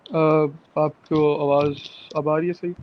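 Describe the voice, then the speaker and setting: A man's voice: a little high, little pitch movement, slow pace. A man, joining a discussion as a guest over a breaking-up internet call, speaking politely and formally. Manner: polite, formal, apologetic about the line. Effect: breaking-up internet call audio. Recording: muffled internet call line.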